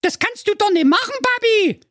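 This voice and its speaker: A man voicing a snippy, bratty young princess in a cheeky falsetto. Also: very animated, unhurried, fairly bright tone, no echo, clean studio sound, full character voice. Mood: horrified.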